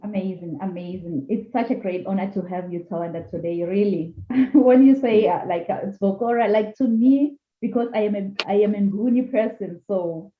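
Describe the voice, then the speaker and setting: A woman hosting an online talk show, greeting viewers warmly and introducing her guest. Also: mid-range voice, moderate pace, few pauses. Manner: upbeat, welcoming, formal reading of a disclaimer. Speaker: podcast host. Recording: echoey, tinny phone-like call audio.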